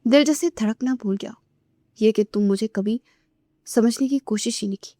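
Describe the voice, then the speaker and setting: A woman narrating a romance novel aloud in a soft, emotive way, sometimes dropping to a whisper. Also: a little high, no room sound.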